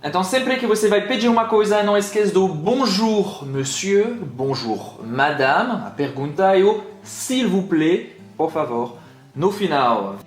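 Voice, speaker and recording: Man, animated corrections, echoey room. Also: high voice, measured pace. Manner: animated, adds short remarks and corrections. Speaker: co-host. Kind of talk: casual explanatory video lesson. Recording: echoey room with faint music.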